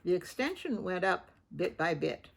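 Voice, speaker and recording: Reading a children's picture book aloud, this creaky-voiced woman speaks at a moderate pace in a lowish register. She's expressive, gives the characters' lines a performance, and drops casual comments about the illustrations.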